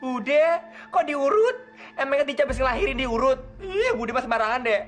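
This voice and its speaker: Brief: shrill, swooping whiny drama queen who cackles and fake-sobs. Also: animated, normal speed. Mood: whiny wailing. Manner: shrieks, cackles and fake-sobs between lines. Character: whiny, theatrical grown woman, fussing and wailing. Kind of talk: sinetron comedy acting.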